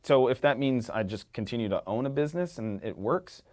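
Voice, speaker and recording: A man chatting as a podcast guest, a rambling, animated storyteller who swears casually. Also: mid-range voice, a little fast. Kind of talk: casual conversation.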